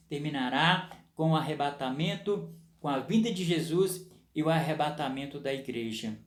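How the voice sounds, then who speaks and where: A man's voice: fairly high pitch, echoey room. A man preaching a sermon, explaining scripture with frequent rhetorical questions and tag questions. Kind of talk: sermon teaching.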